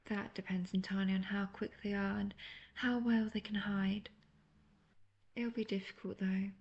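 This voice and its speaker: A woman plays a seductive, manipulative, obsessive witch in an intimate audio roleplay, coaxing and teasing the listener with soft talk that drifts into near-whispers. Her mood is cold, righteous contempt, in a medium-pitched, flat delivery at normal speed. The voice sounds natural, though the highs are cut off.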